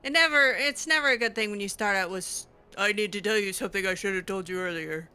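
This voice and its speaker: A woman with a medium-pitched, pushed and bright yet smooth voice talks fast while roleplaying her character during a game playthrough. Her improvised commentary is theatrical, sarcastic and easily exasperated.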